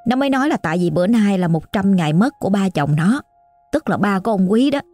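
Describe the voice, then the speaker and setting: A woman's voice: medium pitch, lively intonation, fast talker, mellow, soft background music. A woman with a Southern Vietnamese accent telling a story in a chatty, colloquial, exclamatory way. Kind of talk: casual oral storytelling.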